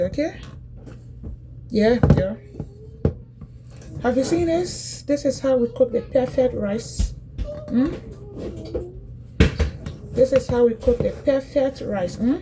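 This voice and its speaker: This cooking vlogger, a woman from Liberia in West Africa, demonstrates food in her home kitchen and chats casually to viewers, often saying things twice. Her voice is on the high side, with a measured pace and long pauses, and the background is noisy.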